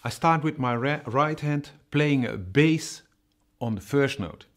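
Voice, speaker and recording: Slow-talking man teaching cajon. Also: medium pitch, expressive, noisy background. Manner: slow, patient, with many "uh" fillers and spoken drum sounds. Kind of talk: music tutorial.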